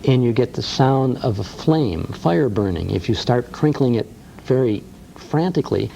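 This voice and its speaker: Creaky and mellow, this middle-aged man's medium-pitched voice has lively intonation and a moderate pace, captured in a rough recording with some hiss or hum. As a radio host and museum co-founder being interviewed, he chats casually and tells stories enthusiastically, leaning on many "uh" fillers.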